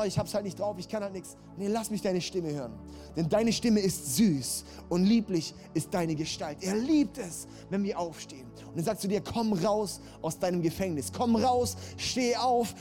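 A man's voice: high-pitched, mellow. A man preaching a sermon, passionate and building to emphatic, repeated calls. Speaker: pastor.

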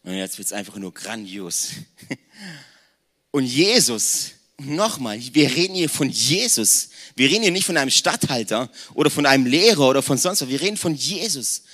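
A man around forty preaching a lively sermon in a conversational tone, speaking straight to the congregation. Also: mid-range voice, moderate pace. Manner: conversational, addresses the congregation directly, mixes in English slang words. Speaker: pastor.

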